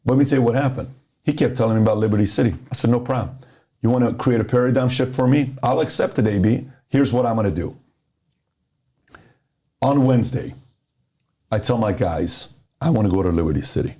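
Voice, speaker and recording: A middle-aged Iranian man appears as a podcast guest, telling motivational stories in a brisk, mid-range voice broken by long pauses. He's animated and acts out the dialogue as he goes.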